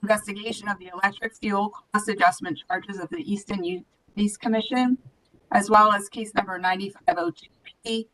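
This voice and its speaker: A woman presiding as a judge and reading out case details in a measured, procedural way, her remote call audio breaking up. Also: medium pitch, steady tone, pushed and bright, rough recording. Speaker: administrative law judge. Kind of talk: formal hearing proceedings. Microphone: remote call connection.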